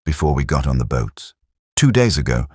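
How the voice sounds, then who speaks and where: A man reading as a weary American lieutenant who speaks with hesitation. The voice is very deep and husky, recorded close and dry. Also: very animated, normal speed, darkish tone, dry recording, heavily acted. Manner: tired and hesitant.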